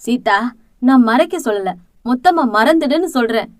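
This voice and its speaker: A woman's voice: on the high side, animated, normal speed, no echo, clean studio sound, natural voice. A woman voicing a blunt, protective older matriarch who lectures firmly in an audiobook drama. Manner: scolding, firm and lecturing.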